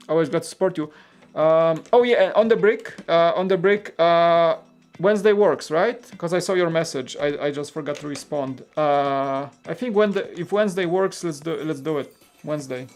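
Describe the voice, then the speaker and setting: Reading viewer comments during a casual live stream, a man from Poland talks in a fairly high voice with a Polish accent. His delivery is loose and rambling, packed with fillers and restarts.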